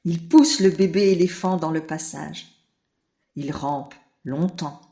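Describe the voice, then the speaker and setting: A woman narrating a children's audiobook in a clear storytelling manner. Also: low-pitched, takes it slowly, warm tone.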